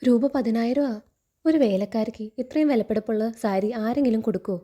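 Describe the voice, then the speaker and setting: A woman's voice: on the high side, brisk, mellow, close to an everyday voice. Woman reading a scornful, jealous wife.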